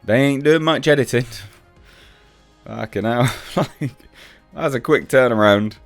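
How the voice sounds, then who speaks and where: Casually commenting on film news without a script, a film reviewer and channel host comes across as blunt and sceptical. He has a mid-range voice and talks a little slowly. The recording is dry with faint music behind.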